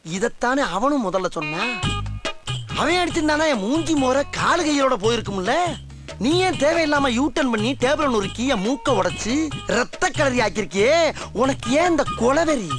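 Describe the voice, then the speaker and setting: Brief: a blustering, pompous head constable in a film comedy, with a very high voice and music under it. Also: male voice, animated, normal speed. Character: boastful, self-important middle-aged male head constable.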